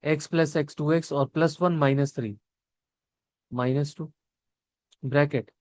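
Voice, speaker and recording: A man's voice: fairly high pitch, steady tone, unhurried, darkish tone, no echo. A young man teaching a maths lesson, talking through each step and asking his students questions as he works. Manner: explains step by step, asks the students questions and answers them; mixes Hindi and English.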